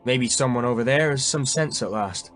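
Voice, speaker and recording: A man reading an audiobook voices an old English knight with a dry, gruff manner. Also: mid-range voice, normal speed, fairly bright tone, faint music behind, natural voice.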